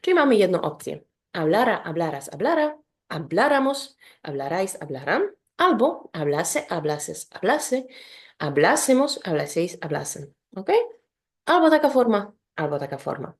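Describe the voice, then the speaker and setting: A woman with a somewhat low-pitched voice leads an online grammar lesson. She walks through each point patiently, spells out verb endings in a steady rhythm, and keeps checking that the listener is following. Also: moderate pace. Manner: explains step by step, often checks with "tak?". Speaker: Spanish teacher.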